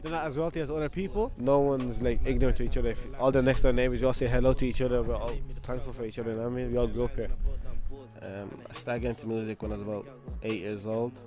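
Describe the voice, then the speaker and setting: A rapper from Angola in his twenties tells his life story in a loose, chatty documentary conversation, leaning on "you know what I mean" and "obviously." He talks rapid-fire at medium pitch with fairly even intonation, and music plays in the background.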